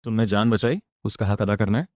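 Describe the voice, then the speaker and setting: A man's voice: on the low side, brisk, darkish tone, no room sound, clean studio sound, lightly acted. A man reading the lines of a cool, commanding rich young woman in a storybook recap, in a curt, matter-of-fact way.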